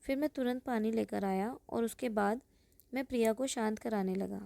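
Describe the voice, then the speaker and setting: Creaky, mellow woman telling a story. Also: a little high, normal speed, no echo. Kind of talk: first-person story narration.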